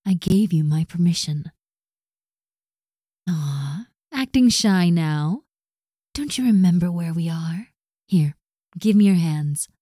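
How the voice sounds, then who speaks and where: A woman performing a scripted audio roleplay in a commanding, dominant manner, often dropping into soft whispers close to the mic. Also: on the low side, animated, slow, pauses often, husky, no room sound.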